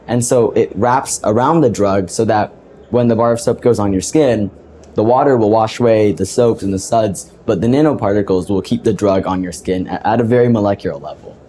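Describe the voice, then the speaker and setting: Teenage male guest, earnest, explanatory, mellow tone, slightly low voice. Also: slight background noise. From United States. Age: teens. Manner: earnest, explanatory, laughs easily. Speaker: guest inventor. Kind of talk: podcast interview. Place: podcast booth at a tech event.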